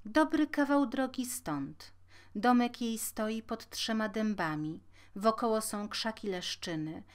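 A woman's voice: on the high side, lively intonation, slow pace. A woman voicing an innocent, trusting little girl in a fairy tale, with polite, naive speech. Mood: cheerful, trusting.

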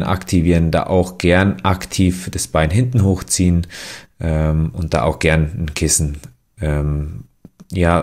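A young man giving relaxed voice-over instructions for a mobility workout, with many fillers and restarts. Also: low voice. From Germany. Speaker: athlete demonstrating exercises.

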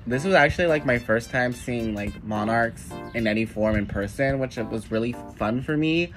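This plant vlogger, a man in his twenties, sounds nasal and stuffed up from a cold as he gives a cheerful, casual voice-over touring garden plants. He's recording in an indoor room with plants, speaking at normal speed in a mid-range voice over music.

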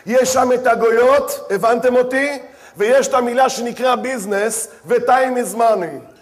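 A very high-pitched rabbi delivers a sermon, speaking directly to his listeners and telling the story with dramatic voiced asides.

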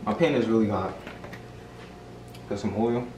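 A young man with a lowish voice speaks a little slowly as he co-hosts a home cooking vlog, keeping things casual and slangy. The indoor kitchen is echoey, and loud frying and stirring run underneath.

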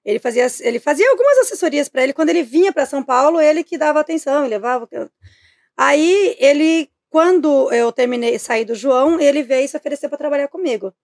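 Fast-talking, gravelly Brazilian woman. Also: high voice, no room sound, studio quality. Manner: animated, blunt, swears freely. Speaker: podcast guest. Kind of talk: casual storytelling chat.

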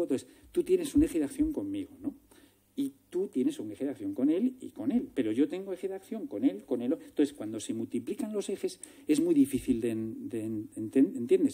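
A Spanish man who directs films, giving a public talk and telling lively anecdotes, acting out the dialogue in quick put-on voices. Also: mid-range voice, breathy edge. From Galicia, Spain. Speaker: film director.

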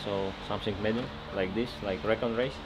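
A man in his thirties, a pro mountain bike racer, chatting casually on camera outdoors, relaxed and laughing often. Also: lowish voice, fairly quick. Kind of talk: casual vlog talk. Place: outdoors at a race venue and forest track. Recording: music and noise behind.

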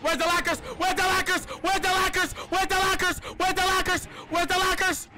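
In a very high-pitched, level voice at normal speed, pushed and bright, a young man live-streams a horror game and talks to chat. He uses casual slang and repeats himself in exasperated pleas, his voice strained like he's losing it, with frequent throat clearing.

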